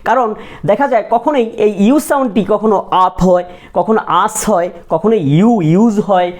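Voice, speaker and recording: A woman's voice: medium pitch, a little slow, darkish tone. A woman with a Bangladeshi accent teaching English pronunciation at a board. She explains step by step, asks questions and answers them herself, mixes English into her Bengali and coughs now and then. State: coughing, clears her throat. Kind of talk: classroom lesson at a board.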